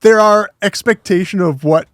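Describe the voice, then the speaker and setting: A man's voice: high voice, moderate pace, no room sound, clean studio sound. A man co-hosting a casual film discussion in a conversational way. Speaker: podcast co-host.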